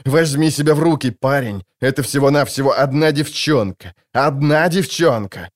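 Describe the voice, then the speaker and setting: A man voicing a desperate, bossy male mercenary leader who barks orders and yells at his men. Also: mid-range voice, moderate pace, natural voice. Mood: furious. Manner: barking orders, yelling.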